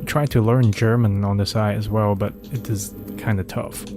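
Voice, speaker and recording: A man with Cantonese as his first language casually streams a horror game as game music plays underneath. He reads in-game documents, then moves on with asides and replies to chat, at a moderate pace in a fairly low, fairly even voice.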